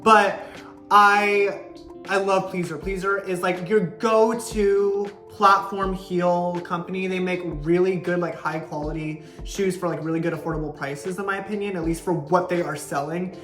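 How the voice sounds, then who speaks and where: A woman YouTuber chatting excitedly through a casual unboxing vlog, her voice bouncing around a kitchen in a heavy echo. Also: fairly low pitch, moderate pace. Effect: heavy room echo. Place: kitchen indoors. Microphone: camera mic, no clip-on. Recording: echoey kitchen with faint music.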